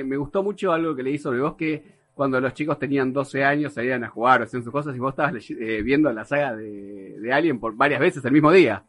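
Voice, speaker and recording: A man's voice: mid-range voice, a bit bright. A male radio host with an Argentine accent interviewing a guest, rambling and repeating words as he goes. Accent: Rioplatense Spanish.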